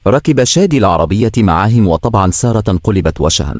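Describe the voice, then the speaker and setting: A man with an Egyptian accent reading a novel aloud in a plain, measured way. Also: lowish voice, lively intonation, a little mellow, dry recording, clean studio sound. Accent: Egyptian Arabic. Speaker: story reader. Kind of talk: storybook narration.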